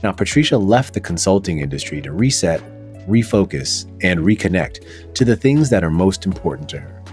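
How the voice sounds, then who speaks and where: The man hosting this interview podcast keeps things relaxed and conversational, using casual fillers like "you know." He speaks at normal speed in a low, darkish voice with big pitch swings, over soft background music.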